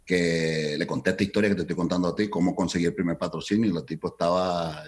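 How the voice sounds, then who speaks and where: Deep-voiced man from Colombia telling stories. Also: quick pace. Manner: lively anecdotes, mixes Spanish and English, acts out dialogue. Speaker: guest, entertainment entrepreneur. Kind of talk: storytelling in a conversational interview.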